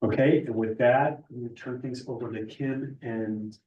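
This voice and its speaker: A man's voice: medium pitch, fairly even intonation, moderate pace, a little mellow, lo-fi sound. A man gives an informal legal training presentation to a board, speaking as its lawyer. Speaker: lawyer briefing a school board. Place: public board meeting room. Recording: echoey meeting room, far from mic.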